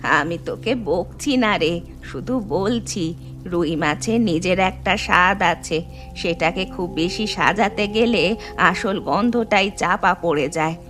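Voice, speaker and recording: A woman with a fairly low voice plays an elderly Bengali mother-in-law in an animated moral story, firm and traditional as she fondly chides and instructs. She speaks unhurriedly and gently advises, with soft music in the background.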